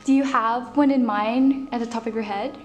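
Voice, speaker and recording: A woman's voice: a little high, fairly even intonation, normal speed, reverberant, lo-fi sound, music in the background. A woman in her twenties chatting in a bubbly way. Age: 20s. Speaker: interviewee. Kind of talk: casual interview chat.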